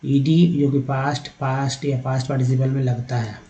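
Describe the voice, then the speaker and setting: A man's voice: medium pitch, level tone, dark tone, lo-fi sound. A man with an Indian accent, teaching an online English lesson and breaking words into letters and sounds. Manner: spells words out letter by letter and sounds them out slowly; addresses viewers directly, repeating "dekhiye".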